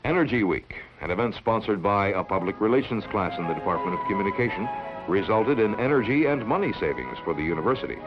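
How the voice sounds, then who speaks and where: A man narrating an old newsreel in a measured, formal announcing manner. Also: lowish voice, sing-song, music in the background, rough recording.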